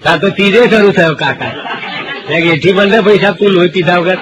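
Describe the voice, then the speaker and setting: A man telling comic stories on stage in a Kathiawadi Gujarati accent, dropping into hushed voices when he quotes people. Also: sits high, a little fast, muffled recording, crowd noise. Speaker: stand-up comedian. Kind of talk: Gujarati folk stand-up storytelling.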